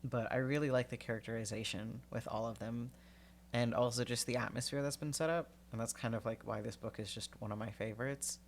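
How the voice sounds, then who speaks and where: A stuffy-nosed man reads a novel aloud to his stream, then rambles casually between chapters. His mid-range voice has a gravelly edge. He fills the gaps with ums and likes. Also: medium pitch, steady tone, fairly quick, a little hiss or hum. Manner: rambling, filler-heavy chat. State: stuffy, sniffly nose.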